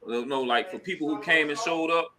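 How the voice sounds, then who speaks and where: A man hosting a casual live stream, talking in a slangy, chatty way and giving shout-outs. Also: fairly high pitch, a little fast, crowd noise. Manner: slangy and chatty, full of "you know what I'm saying" and shout-outs. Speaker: host of a crypto live stream. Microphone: computer mic at a laptop.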